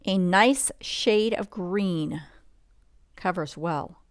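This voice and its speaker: Reading a picture book as a bedtime read-along, a woman with a fairly low voice speaks without hurrying, recorded with no echo. She chats along the way, noting details in the pictures and putting questions to the listener.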